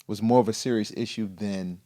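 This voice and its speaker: A man who used to play football, talking in a casual podcast discussion, halting with many fillers and restarts. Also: fairly low pitch, fairly even intonation, warm tone. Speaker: guest, former football player.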